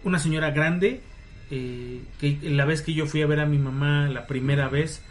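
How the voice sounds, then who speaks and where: A man with a Mexican accent telling a story in casual chat, relaxed and slangy, acting out quoted dialogue. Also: fairly high pitch, moderate pace, slight background noise.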